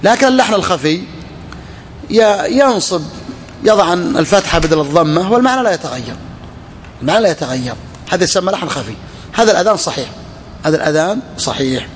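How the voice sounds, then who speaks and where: A man teaching a lesson to students, reading a text slowly and then explaining it, often repeating his phrases. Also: high-pitched, animated, slight background noise. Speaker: sheikh teaching a book. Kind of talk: classroom lesson on Islamic law.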